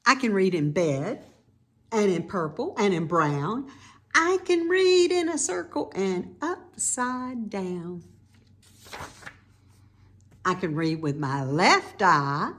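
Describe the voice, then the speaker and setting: Taking it slowly with long pauses, a medium-pitched woman reads a children's picture book aloud. She is expressive and teacherly, dropping in informal explanatory asides for young listeners.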